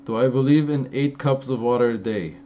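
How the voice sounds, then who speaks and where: Talking a little fast in a mellow, medium-pitched voice, a young man from LA answers live chat in a casual stream. His Armenian-influenced American accent accompanies loose, rambling replies with many fillers and restarts. The recording is lo-fi stream audio, slightly dull and faintly noisy.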